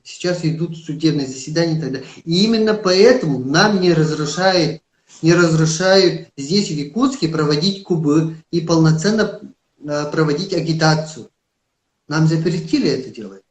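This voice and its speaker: With a slightly high voice at a normal pace, a Yakut-accented man running for office talks in an interview broadcast live from a phone. He comes across as earnest and emphatic, with hesitant fillers, against an echoey room sound.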